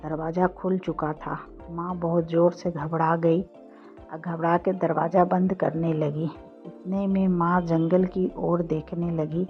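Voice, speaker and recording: A woman narrating a first-person horror story, slow, flat and hushed. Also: on the low side. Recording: dull lo-fi audio with faint music.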